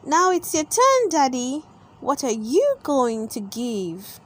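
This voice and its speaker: Casting: high, slow-spoken cheeky piglet girl for a storybook, helpful and childlike woman performer. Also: wildly swooping pitch, full character voice. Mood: eager. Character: Peppa, eager cheeky little girl pig. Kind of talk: children's storybook read-aloud.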